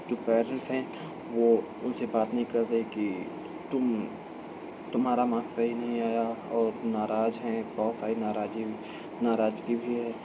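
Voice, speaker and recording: An Indian man hosts a video, giving an informal explainer to camera in a medium-pitched voice. He speaks haltingly, repeating himself and often correcting his phrasing, and the muffled recording carries a clear, steady hum and ambient noise.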